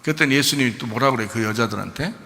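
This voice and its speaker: Gravelly, bright-voiced male pastor preaching. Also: medium pitch, rapid-fire, big-room sound. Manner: conversational, with rhetorical questions. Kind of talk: sermon. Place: church.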